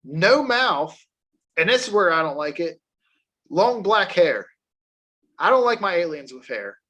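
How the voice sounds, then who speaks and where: A man's voice: on the high side, big pitch swings, moderate pace, sharp tone. A man co-hosting a casual podcast, telling a story with swearing and laughter. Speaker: podcast co-host.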